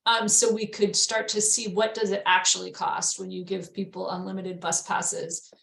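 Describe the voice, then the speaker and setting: A woman moderating an online meeting, relaxed and hesitant, with many pauses. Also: medium pitch, gravelly, echoey room.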